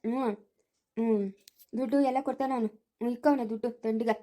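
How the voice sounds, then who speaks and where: A woman's voice: on the high side, steady tone, a little fast, dark tone. A young woman with a rural Chikkaballapur Kannada accent, acting in a village comedy skit with a coaxing, consoling, talkative manner. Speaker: family skit performer.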